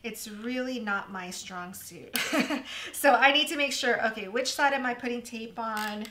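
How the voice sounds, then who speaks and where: A woman hosting a casual crafting tutorial, chatty and self-deprecating, with a slightly hoarse voice. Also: on the high side, moderate pace, pushed and bright. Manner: chatty, self-deprecating, laughs at her own mistakes. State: slightly hoarse, losing her voice.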